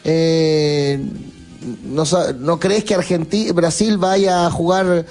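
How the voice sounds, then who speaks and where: Man, high voice, sports host, brisk, casual. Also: fairly even intonation, darkish tone, faint music behind.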